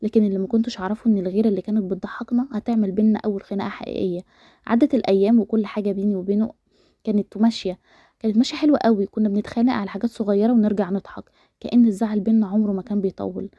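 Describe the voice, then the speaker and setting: A woman with an Egyptian accent reading a romance story aloud in a brisk, steady first-person narration. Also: medium pitch, no echo, dull audio. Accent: Egyptian Arabic.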